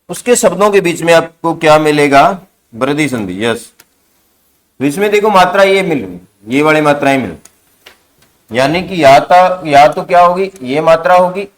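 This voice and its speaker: A man with a slightly raised voice teaches a grammar lesson. He poses questions to the class and answers them himself. He repeats each key word so it can be copied down. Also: fairly high pitch. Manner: repeats key words for dictation.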